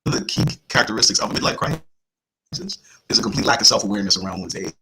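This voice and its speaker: A man's voice: on the low side, fast talker, husky, rough recording. A man reading the news break over a remote call from headphones, his line choppy with word endings cutting out. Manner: lively, chatty, laughs between sentences. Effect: choppy remote line with cut-off word endings. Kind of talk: reading local news on a talk show.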